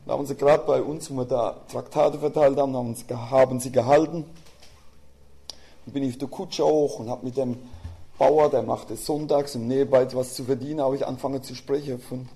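Gravelly-voiced man preaching a sermon. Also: mid-range voice, fairly even intonation, brisk. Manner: swings between quiet asides and loud emphatic outbursts. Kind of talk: sermon with personal anecdotes.

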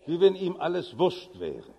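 A man preaching a sermon, emphatic, with his voice swinging from soft to shouting. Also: on the high side, huge pitch swings, measured pace, gravelly, breathy edge. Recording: long reverb of a large hall.

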